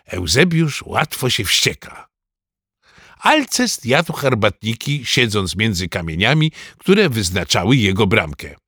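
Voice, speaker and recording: A man reading a children's story aloud in a lively first-person boy narrator's manner. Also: lowish voice, a little slow, husky, no echo, clean studio sound. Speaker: audiobook narrator.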